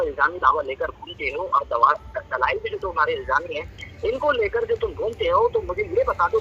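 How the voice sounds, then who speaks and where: A man's voice: high voice, sharp tone, highs cut off, a little hiss or hum. A man in a heated religious debate, taunting his opponent and pressing the same question again and again. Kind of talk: heated religious debate over a phone call.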